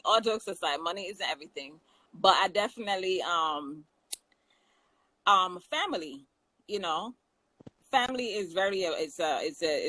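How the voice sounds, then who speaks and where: A woman's voice: mid-range voice, sharp tone, dry recording, low-quality recording. Jamaican woman co-host, easy banter, frequent laughs, dead-dry sound. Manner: chatty, laughs often, many restarts. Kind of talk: casual chat.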